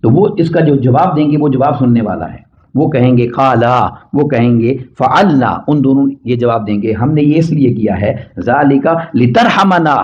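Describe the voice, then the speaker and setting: A man's voice: animated, darkish tone. Man preaching a sermon, lo-fi recording. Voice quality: recites Arabic hadith in slow measured chant, then explains in Urdu. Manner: rising emphatic pitch on key points. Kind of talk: Friday sermon.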